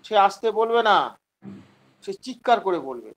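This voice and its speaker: A man's voice: high-pitched, big pitch swings, normal speed, poor audio. A man with a Bengali accent giving an online lecture on homeopathy, explaining patiently and asking questions that he then answers himself. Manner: acts out quoted patients in a raised voice. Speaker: homeopathy teacher.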